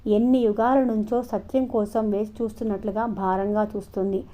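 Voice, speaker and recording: A woman narrating a novel in a steady, expressive storytelling voice. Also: medium pitch, fairly quick. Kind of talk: novel reading. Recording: dull lo-fi recording.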